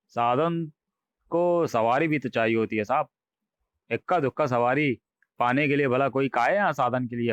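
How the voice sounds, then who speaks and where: A man's voice: medium pitch, no echo, lightly acted. A man voicing a humble, rustic village railway porter in a horror comic audio drama. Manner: rustic, pleading. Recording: dry, slightly dull recording.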